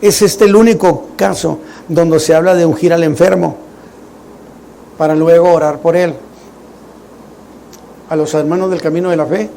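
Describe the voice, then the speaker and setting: A middle-aged pastor preaches with a gravelly, creaky edge to a fairly high voice. He talks to his congregation casually, tossing out rhetorical questions and jokes, with a faint hum of the room behind him. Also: steady tone, moderate pace, pauses often, warm tone. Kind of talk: Sunday sermon.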